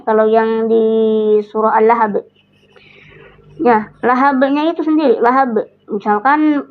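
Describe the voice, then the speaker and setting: Hoarse Sundanese woman teaching slowly. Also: fairly high pitch. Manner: slow, drawn-out explanation with recited examples. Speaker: Quran recitation teacher. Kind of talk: live-streamed tajwid lesson. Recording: tinny phone-line sound.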